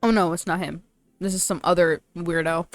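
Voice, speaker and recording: Playing a story game on stream, this young woman keeps up a playful, slangy commentary and voices the dialogue aloud. Her voice sits on the low side with fairly even intonation, moving fairly quickly in a dry recording.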